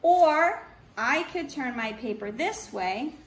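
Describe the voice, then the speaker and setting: A middle-aged woman with a high, expressive voice, an art teacher, walks children through a craft step by step in short, simple, unhurried phrases while working with her hands. She sits at a wooden table in an indoor room, recorded by a camera a couple of meters away. The sound has a roomy echo and faint background noise.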